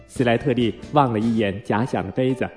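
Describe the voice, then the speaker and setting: A man reading a children's storybook aloud in an expressive, unhurried way. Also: medium pitch, soft background music. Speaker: narrator.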